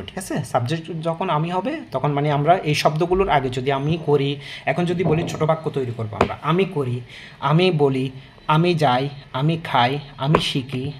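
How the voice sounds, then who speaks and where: A man's voice: a little high, slight background noise. Man teaching a language lesson. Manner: explanatory, repeats words, many fillers and restarts; checks in with "okay?" often.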